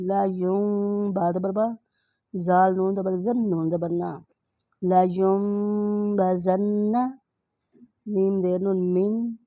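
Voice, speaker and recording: A woman with an Urdu accent teaching Quran reading, spelling out each letter and vowel mark slowly and then blending the syllables. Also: medium pitch, dry recording, highs cut off. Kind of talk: slow spelling-out recitation lesson.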